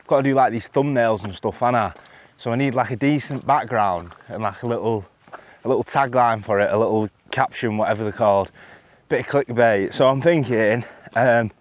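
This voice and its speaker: A man's voice: mid-range voice, moderate pace, a little hiss or hum. A young man talking casually to camera while hiking outdoors, chatty and self-deprecating with lots of fillers. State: out of breath. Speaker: vlogger. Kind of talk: rambling hiking vlog.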